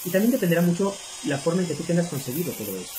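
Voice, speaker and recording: A man's voice: a little high, big pitch swings, very fast. A middle-aged man, hosting a video and explaining things casually to viewers. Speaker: video host. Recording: clear background noise.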